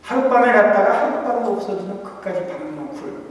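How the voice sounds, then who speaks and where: A male pastor preaching a humorous sermon, quizzing his congregation and swinging between emphatic lines and quiet asides. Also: high voice, expressive, brisk. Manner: humorous, asks the congregation questions. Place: church sanctuary. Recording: echoey church hall, distant mic.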